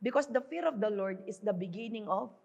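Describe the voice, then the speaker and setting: This middle-aged woman pastor from the Philippines has a mid-range, creaky, slightly mellow voice with lively intonation, talking a little fast through lo-fi sound. Her conversational conference sermon in a large hall mixes Tagalog and English, checks in with the crowd by often asking "di ba?", and carries long reverb from the venue.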